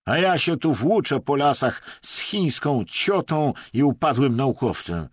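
A man's voice: medium pitch, lively intonation, a little slow, husky, no room sound, studio quality, pitched above the performer's own voice. A man voicing a whiny, hysterical male traveller with a tearful voice, reading an audiobook. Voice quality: tearful, whining.

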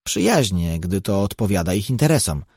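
A seasoned, grave tracker, voiced by an audiobook narrator, lowish and husky, explaining in a measured, warning tone. The sound is close and dry. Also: male voice, very animated, a little mellow, no room sound, full character voice.

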